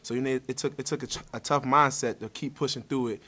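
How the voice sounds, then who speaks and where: A young adult college basketball player sits at a table mic for a post-game press conference, answering questions in an upbeat, easygoing way with casual slang. His medium-pitched voice is steady, quick, and sharp.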